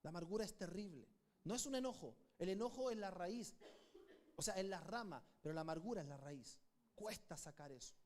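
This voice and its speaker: A man's voice: high voice, lively intonation, a little fast, a little mellow. A man with a Chilean accent, a pastor preaching a fervent sermon and calling on the congregation to repeat after him.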